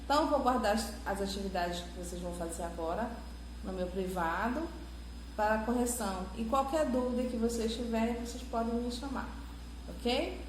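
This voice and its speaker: Brazilian woman teacher, slightly high voice, gentle, boomy echoey room. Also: moderate pace. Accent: Brazilian Portuguese. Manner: gentle, reassuring, frequent "ok?" checks. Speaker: primary school teacher. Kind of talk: online class instructions to children. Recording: very echoey room, faint noise.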